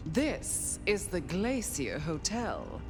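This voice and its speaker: Imperious ancient female vampire, slow and languid, widely swooping pitch, condescending, dreamy, dramatic game acting. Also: big pitch swings, music in the background. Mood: fastidious, condescending. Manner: languid, condescending, drifting into trance-like reverie.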